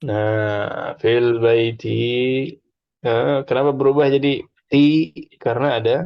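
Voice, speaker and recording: Teaching Arabic informally, this man talks a little slowly at medium pitch with no echo, the audio dry, dull and lo-fi. He's chatty, gives examples, and gets his students to repeat after him.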